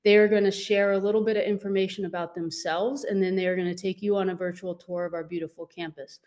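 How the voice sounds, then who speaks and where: A woman's voice: mid-range voice, fairly even intonation, fast, darkish tone. Upbeat woman hosting an online event. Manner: upbeat, clear instructions. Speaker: admissions event host. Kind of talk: event introduction.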